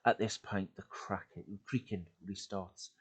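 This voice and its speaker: This man narrates horror for his YouTube creepypasta channel, reading unhurriedly and keeping a steady tone overall, using a home desk microphone. His dramatic delivery moves from urgent, loud passages down to breathy whispers.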